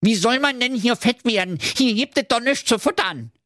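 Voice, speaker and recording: A man's voice: extremely high pitch, lively intonation, normal speed, pushed and bright, no room sound, studio quality, pitched above the performer's own voice, exaggerated voice. A man voicing a sulky, greedy pig in a comic audiobook. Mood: offended. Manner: sulky, whining. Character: sulky greedy pig wanting potato peels.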